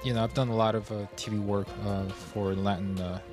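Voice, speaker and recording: A man, an actor, talking hesitantly with many pauses in a casual interview. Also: on the low side, little pitch movement, music in the background.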